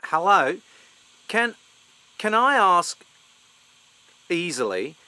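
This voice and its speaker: A man on a video call, speaking in halting, broken-off phrases while his voice keeps cutting in and out over a bad connection. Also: sits high, very animated, sharp tone, dry recording, rough recording. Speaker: video call meeting participant. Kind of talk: scripted dialogue.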